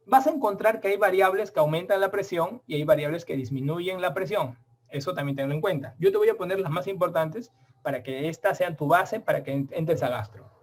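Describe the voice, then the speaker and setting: A middle-aged man giving a lively, colloquial exam-prep surgery lecture, often checking in with his students. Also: on the high side. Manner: lively, colloquial, keeps asking ¿ok? and ¿ya?.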